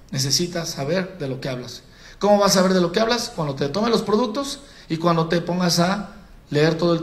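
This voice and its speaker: High-voiced Mexican man coaching on stage. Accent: Mexican Spanish. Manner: colloquial, addresses audience as compadre, demonstrates by acting out. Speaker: sales trainer. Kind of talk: live public-speaking training. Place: event hall on stage. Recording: echoey event hall.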